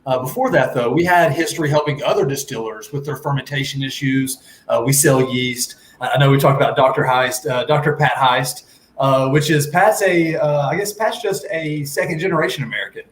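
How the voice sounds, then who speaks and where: A man's voice: medium pitch, brisk. Man in an echoey room. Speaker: distillery representative. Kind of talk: casual storytelling. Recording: roomy echo, background noise.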